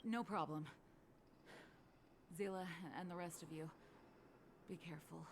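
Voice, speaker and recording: A woman's voice: lowish voice, measured pace, slight background noise. A woman voicing an injured female miner in a video game, earnest and a little stammering. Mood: steady. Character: injured female miner, shaken but steady. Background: game music.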